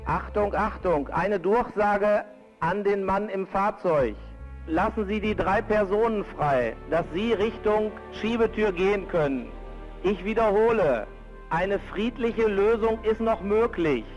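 A high-pitched man speaks slowly and deliberately through a public address loudspeaker. His firm, formal announcement carries from a distance with a dull, lo-fi sound. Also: soft background music. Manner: slow, firm and repetitive calls. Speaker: police negotiator.

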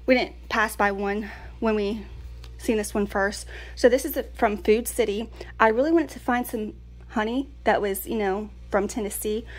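A middle-aged woman from Louisiana, chatting casually through a pantry haul and keeping in touch with her viewers. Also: medium pitch. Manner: chatty, keeps checking in with the viewers. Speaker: vlogger.

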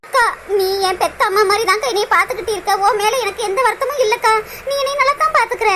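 A woman's voice: extremely high pitch, fast. Woman doing a weeping lovesick young woman. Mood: sorrowful. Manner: tearful, pleading and sobbing. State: crying. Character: heartbroken young woman pining for her love. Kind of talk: cartoon voice acting. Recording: loud background noise.

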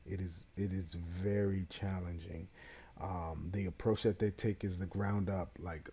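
A young man talking casually to camera, giving his review of a certification exam, relaxed and chatty with many fillers. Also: deep voice, breathy edge.

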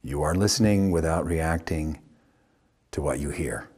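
A husky, rumbling low male voice leads a guided meditation. The speaker is a yoga teacher who keeps his phrases short, calm and unhurried, with long pauses.

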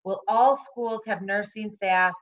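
A woman's voice: mid-range voice, steady tone, slow pace. A woman moderating a virtual town hall, reading audience questions aloud over a video call. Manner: plain, reads questions aloud. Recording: dull lo-fi call audio.

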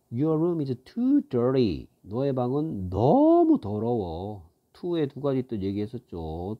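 A man teaching an English grammar lesson, reading example sentences slowly and then explaining them in quick bursts. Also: on the low side, lo-fi sound.

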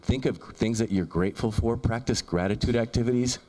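A man's voice: mid-range voice, brisk, warm tone. A man in his thirties giving an earnest keynote talk with a handheld mic in a large lecture room, often restarting and repeating words as he lists ideas. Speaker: keynote speaker. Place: large lecture room, in front of a projection screen. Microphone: handheld microphone.

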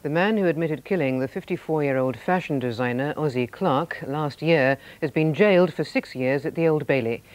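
A man reading a formal news bulletin in a measured, even manner, heard from a worn VHS tape copy. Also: a little high. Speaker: newsreader.

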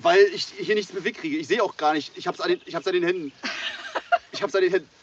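A man's voice: high voice, fast, distant mic, a crowd in the background. A man hosting an outdoor challenge in casual, exclamatory chat. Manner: exclamatory, reactive. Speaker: challenge host. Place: outdoors by a log cabin in woodland. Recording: muffled, noisy outdoor recording.

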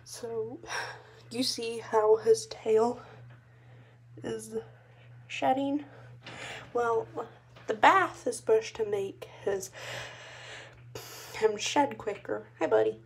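A woman's voice: on the high side, drawn-out words, long pauses, breathy edge. A young woman chatting casually in a pet vlog from her messy bedroom, a bit out of breath and unwell, rambling with lots of fillers. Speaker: vlogger.

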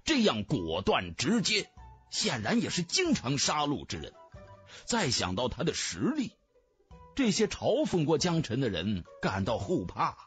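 With a measured pace and enormous swings of pitch around a medium register, a man narrates a fantasy novel as a dramatic, scripted audiobook. His delivery is theatrical and storytelling, and faint music plays beneath it.

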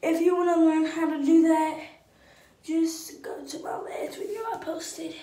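A woman's voice: very high-pitched, level tone, measured pace, mellow, echoey room, recorded from a distance, slight background noise. A young woman, chatting playfully and rambling while doing her hair for her vlog. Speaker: vlogger.

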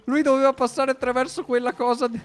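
Brief: man with a very high voice, animated and frantic, casual game role-play. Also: quick pace, clean tone. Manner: animated and panicky, calls out for help.

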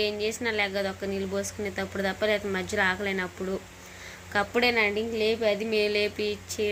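A woman's voice: mid-range voice, fairly bright tone, slight background noise. A young woman, a new mother, talking casually to viewers at home at night, sounding weary and feverish from lack of sleep. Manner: tired, complaining, talking straight to viewers. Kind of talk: casual home vlog chat.

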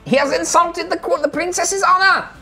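A woman voicing a tiny male fairy warrior, high-pitched, who barks dramatic battle commands. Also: normal speed, sharp tone, soft background music. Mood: indignant.

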